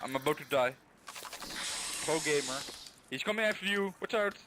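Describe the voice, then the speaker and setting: A man streaming a co-op survival game, excitable, swearing and laughing a lot. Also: fairly high pitch, moderate pace, noisy background. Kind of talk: casual gaming chat.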